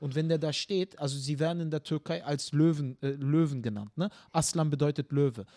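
A man co-hosting a comedy podcast, telling stories animatedly in casual chat and often tagging his sentences with quick questions. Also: on the high side. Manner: animated storyteller, tag questions, acts out scenes.

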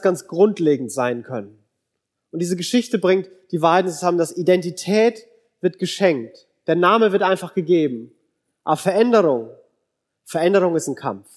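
A man preaching a sermon, repeating phrases for emphasis and dropping low and soft when he quotes biblical figures. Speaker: pastor.

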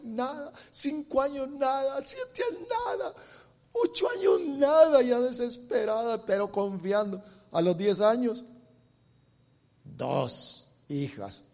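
A man preaching an emotional sermon, swinging from soft talk to loud, fervent scripture reading. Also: very high voice. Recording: long hall reverb.

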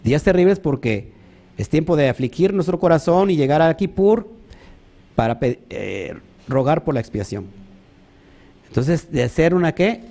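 A man preaching a sermon, animated, asking rhetorical questions and mimicking other people. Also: medium pitch.

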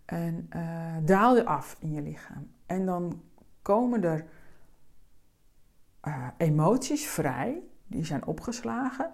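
A woman speaking as a coach, explaining slowly and gently in a calm, deliberate way. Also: on the low side.

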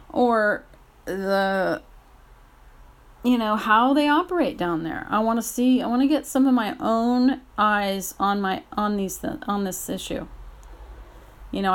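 Angry woman ranting at night. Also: medium pitch. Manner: angry, blunt, swearing, rising to outbursts. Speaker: audio blogger. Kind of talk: late-night personal rant.

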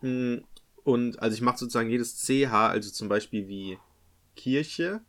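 A young man with a Rhineland German accent who rambles through casual podcast chat, pausing on fillers and restarting. His voice sits at a middling pitch. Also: fairly even intonation, fairly bright tone. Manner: rambling, hesitant, many fillers. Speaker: trainee teacher, podcast co-host.

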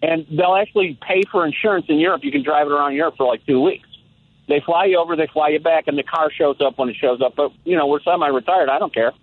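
On a tinny phone line, a man in his sixties calls a talk show and chats in a casual, reflective way, restarting many times. His voice is fairly high and quick-paced, and the recording is dry.

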